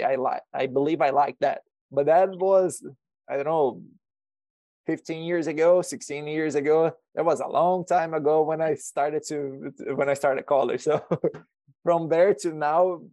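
Halting Brazilian man, dry close sound. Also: a little high, darkish tone, dry recording. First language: Portuguese. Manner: halting, many restarts and repeated words. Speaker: extension educator guest. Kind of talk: podcast interview.

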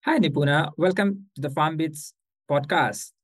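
A man's voice: a little high, moderate pace, dry recording, poor audio. A young man co-hosting a podcast, asking polite formal questions. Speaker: podcast co-host. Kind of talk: interviewer.

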